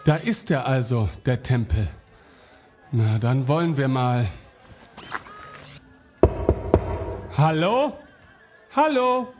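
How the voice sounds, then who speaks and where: A man's voice: medium pitch, lively intonation, slow, a little mellow. A man playing a hesitant, earnest and naive space traveller, master of a droid, in an audio drama. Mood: curious, confident. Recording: echoey long reverb, under music.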